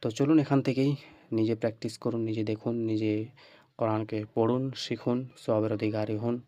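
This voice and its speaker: A man teaching Quran reading in an online lesson, slowly drilling letter sounds one by one and often checking with the listener. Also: fairly low pitch, flat delivery, mellow, no echo. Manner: slow, repetitive drilling with frequent checks "right?".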